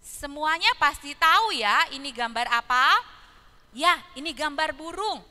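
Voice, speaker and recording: A woman teaching Sunday school, telling a story to small children in an animated way and asking them questions. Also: high-pitched, unhurried, in a large hall.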